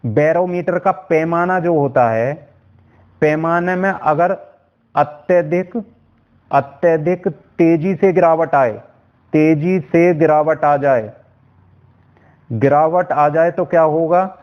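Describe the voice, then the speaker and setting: Male teacher, exam-prep lecture, quizzing style with heavy repetition, higher voice, lo-fi recording. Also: slow pace. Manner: repeats answers and asks the class questions. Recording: dull lo-fi sound.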